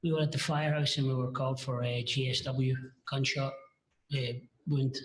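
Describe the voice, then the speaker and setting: A paramedic testifies in a courtroom recording, his mid-pitched voice plain and halting as he pauses to find his words. His tone is level and hesitant, with the echo of a large courtroom and slight background noise.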